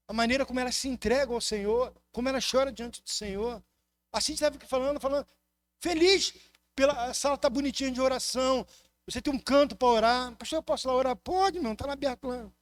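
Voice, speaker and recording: With a very high-pitched voice and a Brazilian Portuguese accent, a male pastor preaches a fervent sermon, moving from loud emphasis to soft asides. The recording is dry.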